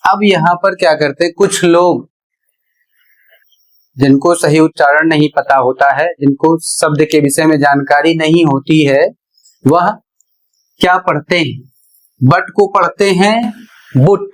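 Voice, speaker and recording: A male teacher explains how to pronounce a letter, speaking at a slow, unhurried pace. His voice sits somewhat high for a man. He spells words out letter by letter and returns to each point with steady, patient repetition. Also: low-quality recording. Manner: slow, deliberate, repeats phrases while explaining. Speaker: English pronunciation teacher.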